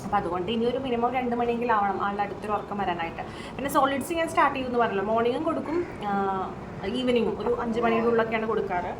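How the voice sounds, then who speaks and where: A young mother from Kerala chats quickly through her day in a casual home vlog and keeps tagging her sentences. She sounds like she is recorded on a phone in her bedroom. A clear hum of room ambience runs under her voice. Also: a little high. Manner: chatty, often adds "you know" tags. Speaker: vlogger and mother of a baby. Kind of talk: casual daily-life vlog.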